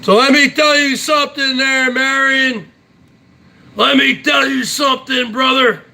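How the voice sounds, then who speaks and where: Speaking slightly slowly in a very high-pitched, bright voice, a forties-aged man chats casually to viewers on his own online show. His tone is forceful and his intonation fairly even, and he's brash and boastful, often tagging "huh?" onto what he says.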